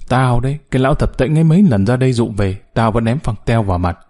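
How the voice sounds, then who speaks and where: A man's voice: medium pitch, expressive, fast talker, darkish tone, close to an everyday voice. A man voicing a blunt, street-hardened young mother who talks in a coarse, scornful way.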